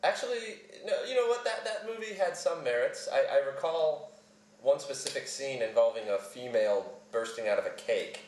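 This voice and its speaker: A man's voice: medium pitch, lively intonation, normal speed, a little hiss or hum. A man hosting a casual podcast, rambling and laughing as he talks about movies. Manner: rambling, self-deprecating, laughs often. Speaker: podcast host. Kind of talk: casual chat. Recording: roomy echo, a bit far from the mic.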